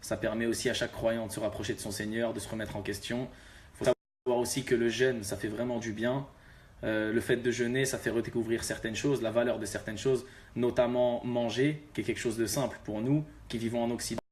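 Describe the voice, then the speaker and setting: A man's voice: medium pitch, steady tone, fairly quick. A young man from Algeria, a rapper, talking casually to his fans with laid-back street slang.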